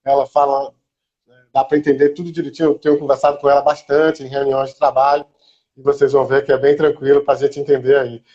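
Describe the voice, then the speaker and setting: A man with a Brazilian Portuguese accent hosts a live stream in a casual, chatty, welcoming way, greeting viewers by name. His mid-range, mellow voice is quick but flat, and the stream audio is dull and lo-fi.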